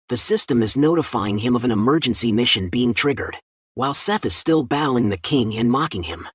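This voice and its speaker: A man narrating a comic story recap as a steady scripted read-through. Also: mid-range voice, husky, dry recording, studio quality.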